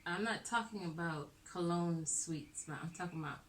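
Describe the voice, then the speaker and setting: A woman's voice: lowish voice, normal speed. A woman co-hosting a podcast with her husband, teasing and giggly, stretching out her words. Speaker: podcast co-host. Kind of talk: casual chat with spouse. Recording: faint background noise.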